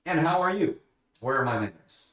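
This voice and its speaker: A man's voice: on the high side, lively intonation, moderate pace, a bit bright, distant mic, a little hiss or hum. A man chatting casually on a live stream, answering questions from his chat. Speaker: livestreamer. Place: at home, bathroom with a bathtub. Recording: echoey room, away from the mic.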